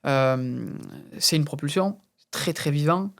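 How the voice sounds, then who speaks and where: A man's voice: on the high side, slow pace, creaky. A man from France as a guest on an interview, talking casually and hesitantly, with many fillers and repeated words. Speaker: guest racing driver and instructor.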